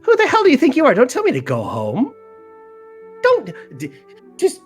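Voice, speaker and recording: A man's voice: high voice, huge pitch swings, a little fast, slightly rough, soft background music, pitched above the performer's own voice, full character voice. A man voicing a tiny, indignant and boastful pixie prince in a little pixie voice for a tabletop game. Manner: petulant, defiant pixie chatter.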